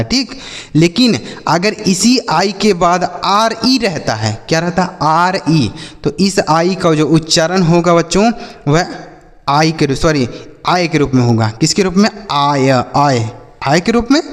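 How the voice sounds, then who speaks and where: A man teaching English reading in a classroom style, asking his students questions and drilling each word slowly. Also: fairly high pitch, long reverb tail. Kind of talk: classroom-style phonics lesson.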